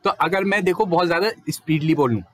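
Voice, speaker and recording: A young man giving a casual, fluent lecture as a teacher, explaining quickly and mixing in English terms. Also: fairly high pitch, a bit bright, slight background noise.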